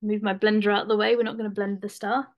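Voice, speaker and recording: A woman's voice: mid-range voice, little pitch movement, fast, highs cut off. Chatty woman demonstrating a craft. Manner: chatty, informal, with fillers and restarts. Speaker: craft presenter. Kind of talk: live webinar demonstration.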